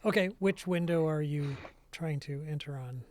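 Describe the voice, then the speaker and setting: A man narrating a tabletop game as game master, describing scenes in a relaxed, thinking-aloud way. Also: on the high side, normal speed.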